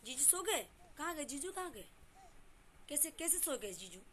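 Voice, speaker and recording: A woman's voice: high-pitched, big pitch swings, moderate pace, a bit bright, slight background noise. A woman filming a family vlog, coaxing a toddler through words and counting in a sing-song prompting voice. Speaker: family vlogger. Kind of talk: teaching a toddler on camera.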